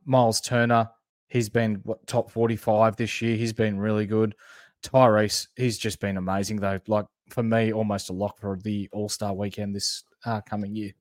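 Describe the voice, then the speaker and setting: A man's voice: lowish voice, dry recording, clean studio sound. A man with a broad Australian accent, talking in an informal, agreeable, slangy way as a sports podcast co-host. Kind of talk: casual basketball analysis chat.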